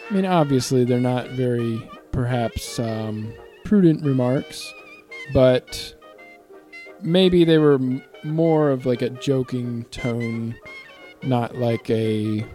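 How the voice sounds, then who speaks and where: Slow, mellow-voiced man chatting. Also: medium pitch, faint music behind. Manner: hesitant, laughs often, many fillers. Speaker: podcast co-host. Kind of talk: casual chat reading from web articles.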